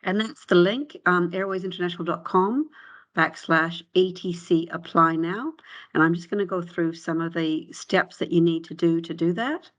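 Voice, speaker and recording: A woman speaks on a video call, leading an online info session. Her voice sits fairly low, and she explains things in an easy, unhurried way, with ums and uhs scattered through. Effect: heard on a video call. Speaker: recruitment presenter.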